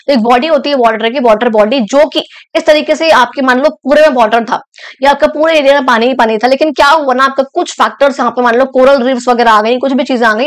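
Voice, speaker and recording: A young woman teacher explaining a school geography lesson in a chatty way, often stopping to check that the students follow. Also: high voice. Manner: chatty, repeats and checks understanding.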